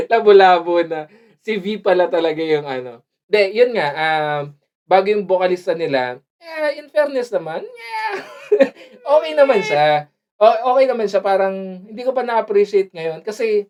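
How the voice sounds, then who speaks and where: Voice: mid-range voice, expressive, moderate pace, a little mellow, lo-fi sound. A podcast co-host in casual chat who laughs often, mixes English phrases into the talk and often stops to search for a word.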